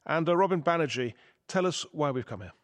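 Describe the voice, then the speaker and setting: A man presents a radio news programme in a fairly high voice, leading the talk with brisk questions and introductions. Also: animated. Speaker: host. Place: college hall with live audience.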